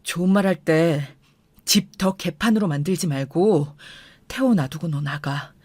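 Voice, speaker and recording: A woman voicing a furious young husband who speaks in a low, firm, clipped way. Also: animated, fairly quick, a bit bright, no room sound, studio quality. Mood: angry.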